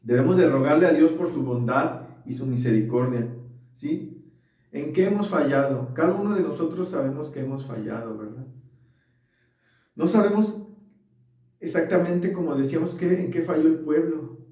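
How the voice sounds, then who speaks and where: A pastor whose voice is a little high and dark in tone preaches expressively at a moderate pace, earnestly checking that listeners are with him and often asking for agreement. The mic sits far off in an echoey room.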